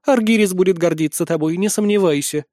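A man's voice: high voice, a little fast, darkish tone, no echo, clean studio sound, lightly acted. A man doing a sneering older noblewoman. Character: proud older noblewoman, scornful mother.

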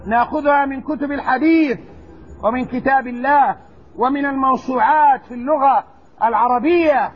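A man teaching a recorded religious lesson, explaining slowly and deliberately and stressing word forms. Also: very high-pitched, slightly rough. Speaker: Islamic scholar teaching hadith. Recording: dull lo-fi lecture recording.

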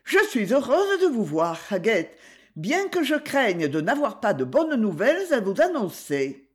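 Woman doing a calm, genteel lady sleuth. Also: on the high side, measured pace, voice pushed up. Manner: light, composed and polite.

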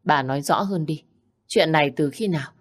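A woman's voice: deep voice, a little fast. A woman voicing a stern middle-aged father-in-law who demands answers bluntly. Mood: shocked.

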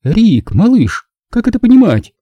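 Man voicing a shrill, furious young woman. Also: very animated, fast, warm tone, no echo, muffled recording. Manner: shrieking, spitting out words.

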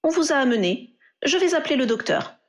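A woman's voice: sits high, animated, fairly quick, voice pushed up. A woman voicing a polite, attentive nurse.

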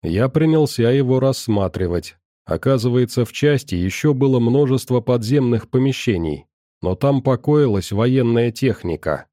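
A man calmly reading a first-person audiobook story. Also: mid-range voice, no room sound, studio quality. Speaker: audiobook narrator. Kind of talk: first-person scripted narration.

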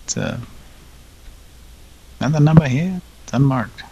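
A man's voice: medium pitch, huge pitch swings, measured pace, creaky, mellow, husky, lo-fi sound. A man hosting a live prank call stream, joking and laughing often. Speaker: host.

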